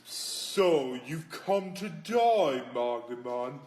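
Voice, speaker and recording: A young man voicing dramatic male cartoon fighters in a homemade animated clip, delivering threats. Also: fairly high pitch, very slow, a little hiss or hum. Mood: threatening. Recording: echoey homemade recording.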